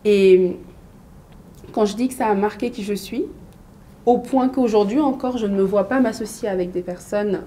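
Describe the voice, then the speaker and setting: A woman in her thirties from Mali, a business coach and guest on an interview, speaking casually with many pauses and fillers. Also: medium pitch. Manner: hesitant, many fillers and restarts, lively storytelling.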